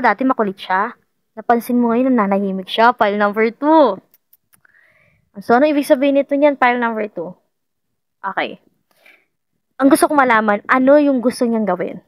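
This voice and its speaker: A woman's voice: on the high side, no echo. Chatty woman reading tarot. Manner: chatty, playful, repeats herself, laughs often. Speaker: tarot card reader. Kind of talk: casual tarot reading to viewers.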